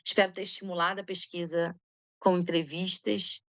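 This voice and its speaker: A woman lecturer giving an informal online academic talk on interview research, talking quickly with many fillers. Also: fairly low pitch, little pitch movement, no room sound, muffled recording. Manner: fast, informal, full of fillers.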